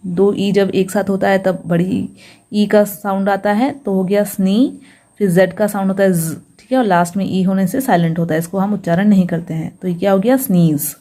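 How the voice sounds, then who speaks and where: A woman teaches English reading step by step, breaking each word into slow, careful sounds before putting it together. Her voice is mellow and warm, at an ordinary middle pitch for a woman, and she checks in with her listeners again and again. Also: steady tone. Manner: patient, sounds out each syllable slowly, says "ठीक है" often. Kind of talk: step-by-step phonics lesson.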